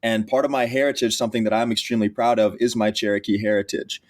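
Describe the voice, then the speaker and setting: A man's voice: fairly low pitch, fairly even intonation, quick pace. A young man in his twenties from Texas, a college athlete who is the guest on a podcast interview and tells his story earnestly, with frequent restarts. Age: 20s.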